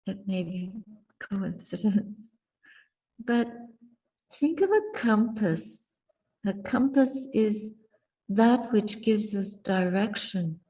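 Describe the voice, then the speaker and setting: A woman giving a Buddhist talk and guided meditation in a soft, calm, deliberate voice, speaking in short contemplative phrases with long pauses. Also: mid-range voice, recorded from a distance, rough recording. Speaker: Buddhist nun teaching and guiding meditation.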